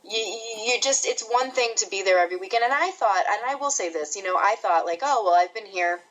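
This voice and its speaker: A woman's voice: medium pitch, fast talker, fairly bright tone, rough recording. A young woman, a guest novelist, talking candidly and casually on a podcast with a self-mocking streak. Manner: candid, chatty, self-deprecating.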